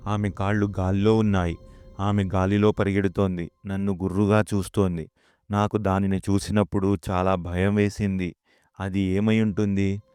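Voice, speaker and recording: A man's voice: low-pitched, level tone, moderate pace, a little mellow, clean tone, no room sound, lightly acted. A man voicing a frightened young woman traveler on a night bus, reading her lines plainly in his own voice. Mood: uneasy. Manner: plainly read, barely acted.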